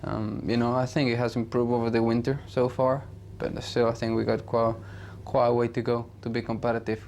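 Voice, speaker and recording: Flat-voiced racing driver, casual interview. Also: male voice, medium pitch, a little fast, vocal fry, a little hiss or hum. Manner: casual, lots of "you know". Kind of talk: interview answers.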